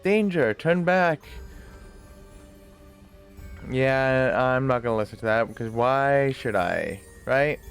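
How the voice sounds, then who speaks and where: Casual male gamer, unhurried pace. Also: mid-range voice, vocal fry. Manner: offhand, talks back to the game and viewers. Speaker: gamer playing and commenting. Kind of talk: casual gameplay commentary. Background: game music.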